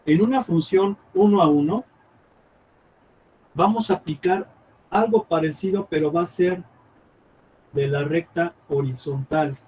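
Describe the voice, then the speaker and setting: A math teacher with a somewhat high voice lectures a live class. He repeats his points, thinks aloud as he draws, and keeps checking whether the students follow. A faint hum of room noise sits behind him. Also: darkish tone, low-quality recording. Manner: checks understanding often with quick questions, repeats himself; thinks aloud while drawing on the board.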